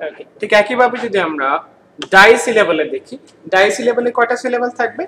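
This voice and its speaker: A man's voice: very high-pitched, lively intonation, pushed and bright, slight background noise, low-quality recording. Patient Bangladeshi male teacher explaining grammar. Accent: Bangladeshi Bengali. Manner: patient, repeats words slowly and asks the class questions. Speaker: school English teacher. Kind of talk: classroom grammar lesson.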